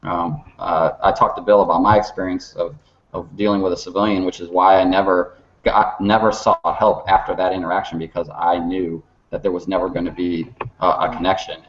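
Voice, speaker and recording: A man speaking as a guest on an online panel, earnest and halting, often restarting his sentences. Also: deep voice, slight background noise. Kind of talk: casual panel discussion. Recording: echoey lo-fi call audio.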